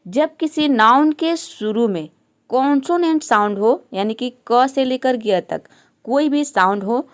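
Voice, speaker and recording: Woman, grammar teacher, patient, self-questioning, slightly high voice. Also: expressive, measured pace. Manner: patient, asks questions and answers them herself. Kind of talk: explaining grammar step by step.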